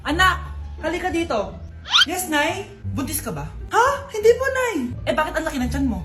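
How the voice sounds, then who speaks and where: A woman's voice: very high voice, big pitch swings, normal speed. A woman acting out comedy skits, switching between a mother, her child and other characters. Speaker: comedy skit creator playing several roles. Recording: music playing behind.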